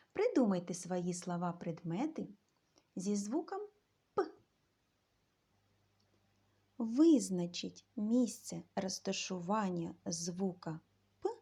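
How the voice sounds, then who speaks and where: Slow, lively-voiced woman teacher. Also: mid-range voice, slightly rough. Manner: slow, sing-song teacher's delivery addressing children. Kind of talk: children's literacy lesson.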